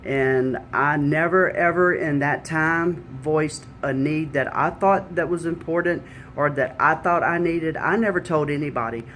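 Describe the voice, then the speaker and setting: A middle-aged woman recounts her faith testimony in a plain, conversational way. She retells past conversations earnestly and often adds "you know". A faint low rumble sits in the background. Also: measured pace, a bit bright. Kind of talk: personal faith testimony storytelling.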